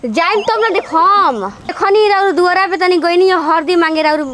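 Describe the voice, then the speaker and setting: A woman's voice: very high-pitched, moderate pace, a bit bright, a little hiss or hum. A woman with a Bhojpuri accent playing a gossipy, scandalized village neighbour in a scripted comedy skit.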